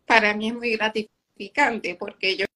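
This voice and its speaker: A woman's voice: mid-range voice, fairly even intonation, normal speed, sharp tone. A woman speaking earnestly and gratefully as a guest in a spiritual reading, emotional as she talks. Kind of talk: emotional conversation.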